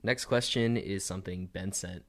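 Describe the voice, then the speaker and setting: A man co-hosting a podcast, reading a listener's email aloud in a steady, plain way. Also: low-pitched, moderate pace, dry recording, studio quality.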